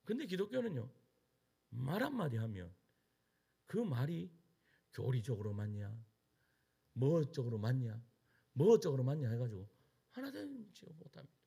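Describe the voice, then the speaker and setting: A man's voice: medium pitch, wildly swooping pitch, normal speed, creaky, pauses often, dark tone, breathy edge. A middle-aged man, a pastor preaching a sermon, pressing the congregation with rhetorical questions and answering them himself. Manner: emphatic preaching with rhetorical questions and call-and-response.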